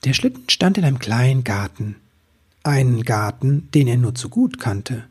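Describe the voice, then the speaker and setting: A children's Christmas story is read by a man whose mid-range voice is strikingly breathy and husky from start to finish. He speaks at a normal speed, calm and expressive as a storyteller.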